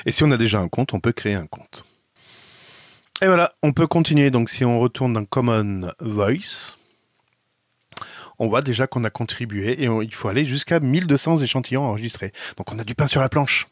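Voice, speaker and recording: A man's voice: mid-range voice, normal speed, no room sound, studio quality. A man with a France French accent, a video blogger chatting casually and explaining a website step by step as he thinks aloud. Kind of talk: casual screen demo. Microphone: headset.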